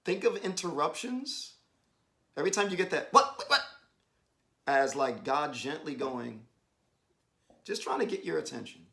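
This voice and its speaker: A man giving a devotional talk with his wife, exhorting and emphatic, rising to bursts of excitement, speaking over a video call. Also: a little high, moderate pace, creaky, pauses often. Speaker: husband co-hosting a devotional. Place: home, joining an online meeting.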